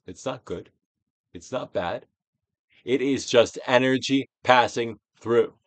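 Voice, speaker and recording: With a medium-pitched voice and no room sound, a man who is an actor and audiobook reader reads a self-help book slowly and theatrically. He declaims like a stage Shakespearean, drawing out phrases for emphasis.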